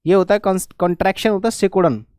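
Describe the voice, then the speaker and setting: A man teaching an exam spelling lesson, spelling out words letter by letter and repeating them slowly. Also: high voice, a little mellow, clear, resonant tone, no room sound, studio quality. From India. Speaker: English teacher.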